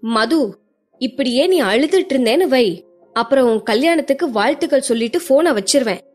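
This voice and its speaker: A sharp-tongued but caring young woman, as a woman narrator puts her on, speaks quickly and firmly, with a high voice. She sounds brisk and no-nonsense. Quiet music plays faintly beneath this audio story. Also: lively intonation. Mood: firm coaxing. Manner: brisk, scolding, then coaxing.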